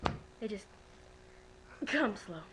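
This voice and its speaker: A woman's voice: medium pitch, lively intonation, slow pace, a bit bright, slight background noise, low-quality recording. A young woman with the hiccups, joking with friends at home in front of a webcam. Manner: joking, teasing. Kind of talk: casual chat among friends.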